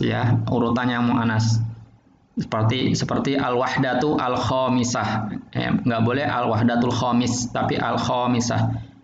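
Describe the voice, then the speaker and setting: Man teaching Arabic, gravelly and roomy. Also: mid-range voice. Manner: explains each term in Indonesian, pausing and restarting words. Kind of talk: online textbook lesson. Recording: roomy, dull lo-fi recording with faint noise.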